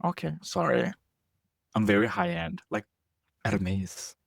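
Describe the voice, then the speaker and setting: A young man of Korean heritage, raised abroad, co-hosts a podcast in loose, jokey chat with lively swings of pitch. His voice has a gravelly fry, and the recording is dry and close. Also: slow pace, no room sound. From grew up outside Korea, Korean heritage. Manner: playful, jokey, animated, often self-correcting. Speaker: podcast co-host. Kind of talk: casual chat.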